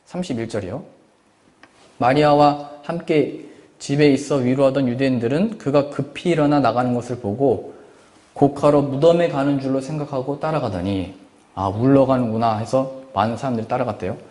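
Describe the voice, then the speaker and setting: A man's voice: medium pitch, normal speed, in a large hall. A male pastor delivering a Sunday sermon, reading scripture aloud and pressing his points with rhetorical questions. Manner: expressive preaching with rhetorical questions. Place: church service.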